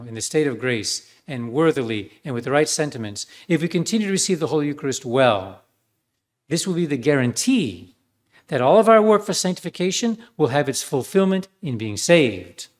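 A man preaching a sermon as a priest, earnest, with some fillers and restarts. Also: mid-range voice.

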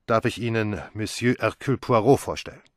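A man voicing a brisk middle-aged male police chief who speaks loudly and officially. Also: lowish voice, no echo, studio quality, lightly acted. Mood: formal. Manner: loud, firm, official.

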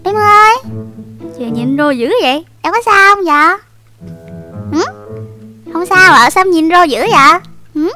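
A young woman giving excitable, giggly gameplay commentary full of dramatic exclamations. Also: very high-pitched, measured pace, pauses often, soft background music. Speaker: game YouTuber.

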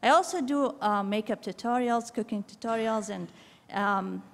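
A young woman from Iraq, giving a measured public statement full of ums and uhs. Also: fairly high pitch, vocal fry. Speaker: public commenter. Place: large city council chamber. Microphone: fixed podium microphone. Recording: long hall reverb.

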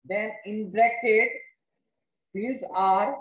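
A woman teacher with a North Indian accent gives a step-by-step online lesson. She speaks slowly and haltingly, often repeating words. Her voice rings in an echoey room. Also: mid-range voice, fairly even intonation, muffled recording. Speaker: computer science teacher. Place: indoors, online class with screen share.

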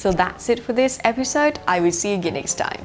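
A woman's voice: a little high, lively intonation, very slow. Chatty woman teaching English. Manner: chatty, easygoing, mixing in English examples. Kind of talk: casual podcast lesson.

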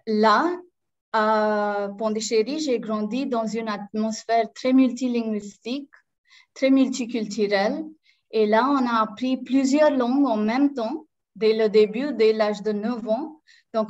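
Speaking from a small indoor room over a video call, this Marathi-speaking Sanskrit teacher in her thirties from India is a guest in a casual interview. She has a fairly high, darkish voice and an Indian accent, and she hesitates often with fillers and restarts. The sound is dull, lo-fi video call audio.

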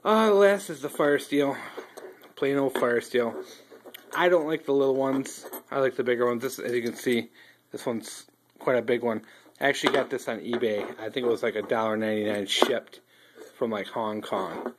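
Everyday man, mid pitch, loose unscripted show-and-tell on a phone, light hiss. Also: moderate pace. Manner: relaxed, rambling, many ums and restarts. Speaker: outdoors gear reviewer. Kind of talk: casual show-and-tell review. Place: indoors at a wooden table. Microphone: handheld phone filming table close up.

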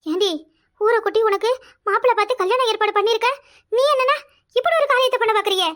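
A scheming, bossy village mother from a cartoon squeals her scolding in a very high, piercing tone, voiced by a woman. She speaks with a Kanyakumari Tamil accent and a rapid, nagging rhythm. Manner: shrill, scolding, fast, rising to yells. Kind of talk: cartoon voice acting.

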